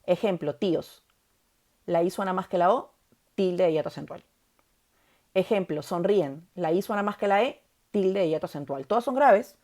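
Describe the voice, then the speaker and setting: A woman teaches a grammar lesson in a fairly low voice. She stresses key words and often checks in with the listener. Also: normal speed, darkish tone.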